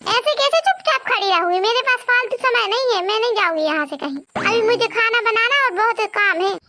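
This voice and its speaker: A woman's voice: very high voice, lively intonation, brisk, very noisy. A woman voicing a sassy young daughter-in-law in a cartoon who talks back. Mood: defiant. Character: young put-upon daughter-in-law, quick retorts. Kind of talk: cartoon voice acting.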